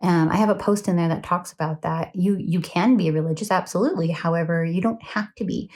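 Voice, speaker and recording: A tired woman talks through a tarot reading in a loose, rambling way, full of ums and self-corrections. Her voice sits a little low and sounds mellow and soft. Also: fairly quick. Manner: chatty, rambling, many fillers and self-corrections. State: tired, late at night. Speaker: tarot reader. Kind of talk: casual spoken tarot reading.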